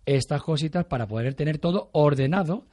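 Chatty radio host, rambling and upbeat. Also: male voice, fairly high pitch, animated, a little fast. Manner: chatty, rambling, warm-hearted repetitions. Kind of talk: lively radio chat and home tips. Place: radio studio.

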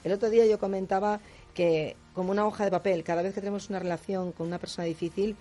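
A woman speaking as a guest on a radio talk show, explaining in a lively way, acting out quotes and often adding quick tag questions. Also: medium pitch, soft background music. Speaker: guest speaker on difficult personalities.

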